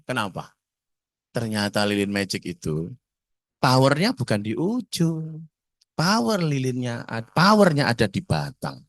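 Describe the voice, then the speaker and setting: A man giving a lively seminar talk to parents, often asking the audience questions. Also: medium pitch. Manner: animated, asks the audience questions.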